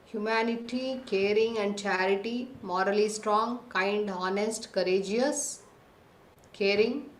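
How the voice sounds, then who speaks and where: A woman runs a live online parenting workshop over a video call, reading participants' chat answers aloud as lists and frequently checking in with the class. She speaks slowly at a medium pitch through a computer mic, and the recording is rough with a roomy sound.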